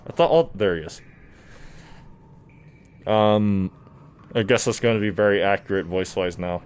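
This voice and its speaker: A man's voice: on the low side, normal speed, a little mellow, smooth. A man livestreaming a game in casual chat, projecting his voice through a face mask. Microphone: distant microphone, talking through a mask. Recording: noisy, mic set far away.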